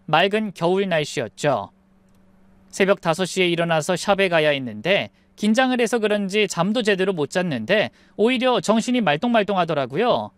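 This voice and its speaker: A woman's voice: mid-range voice, dry recording. Young woman narrating a personal story. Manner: soft, reflective.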